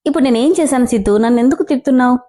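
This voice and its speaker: Naive clingy girl, pleading and playful, pitched up, read by a woman narrator. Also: mellow. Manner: pleading, girlish, quick.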